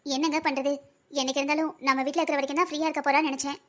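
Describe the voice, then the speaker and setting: A fussy older wife and grandmother in a cartoon, voiced by a woman, speaking high and fast with a South Tamil Nadu accent. She pleads with and bosses her husband around in a rapid patter. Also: little pitch movement, lightly acted. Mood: pleading. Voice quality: pleading, busy, bossy. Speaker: voice actor in a family cartoon. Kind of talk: cartoon family comedy acting.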